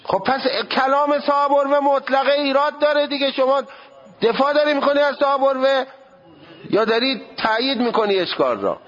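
A man's voice: very high voice, fairly bright tone, lo-fi sound. A male seminary teacher giving a jurisprudence lecture, questioning his students and sounding out pronunciations as he goes.

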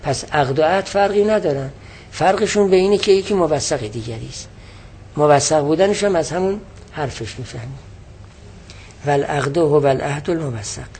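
A man's voice: a little high, darkish tone, a little hiss or hum. Man teaching a text, patient and explanatory. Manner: patient, explanatory, repeats key definitions. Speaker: teacher of religious texts. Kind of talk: classroom lecture explaining a text.

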